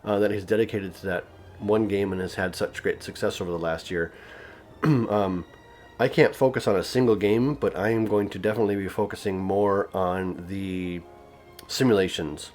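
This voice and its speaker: A man hosting a gaming channel, talking casually about his channel with lots of fillers and restarts at his home gaming setup. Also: on the low side. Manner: relaxed and rambling, with many fillers and restarts. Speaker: YouTube gaming channel host.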